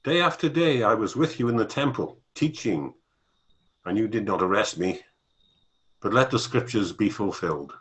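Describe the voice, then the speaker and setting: A man's voice: on the low side, expressive, moderate pace, fairly bright tone. A man reading the part of Jesus as a grave, resolute teacher in a dramatic scripture reading, with emphatic delivery. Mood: reproachful, resigned.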